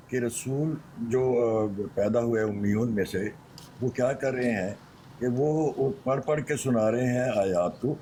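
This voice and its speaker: A man in a religious debate who speaks in a measured, hesitant way and reads verses slowly. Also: medium pitch, dark tone. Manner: measured, hesitant, with pauses and fillers.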